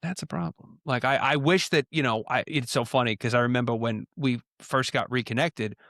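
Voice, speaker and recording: A man in his late thirties from New York, a pastor guest, telling stories in an earnest, lively conversational way. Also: medium pitch, fairly quick, no room sound, clean studio sound. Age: 30s. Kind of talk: casual conversation.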